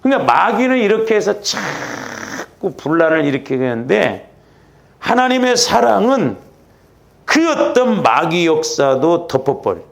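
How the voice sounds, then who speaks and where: A man preaching a Friday night church sermon, animated, acting out little quarrels as he goes. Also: on the high side, unhurried, creaky. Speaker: pastor.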